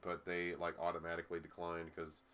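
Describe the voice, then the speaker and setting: A man's voice: low voice, monotone, a little fast, a bit bright, a little hiss or hum. A man co-hosting a casual sports chat, laid-back and rambling, swearing now and then. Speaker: podcast co-host.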